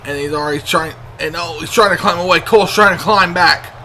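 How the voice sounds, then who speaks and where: A man's voice: on the high side, fairly quick, background noise. A man working as co-commentator on a wrestling match, reacting to the action as a wrestling commentator does.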